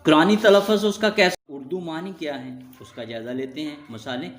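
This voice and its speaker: A man teaching a lesson in scripted narration, reading out lists of words slowly and stressing each one. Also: fairly high pitch, expressive, reverberant. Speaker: Quranic Arabic teacher.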